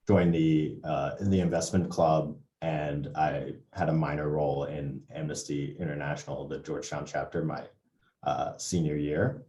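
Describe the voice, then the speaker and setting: Sounding very deep with a darkish tone, an Englishman speaks on a casual MBA panel over a video call. A roomy echo comes through his computer mic, and his speech is hesitant, broken by restarts and fillers.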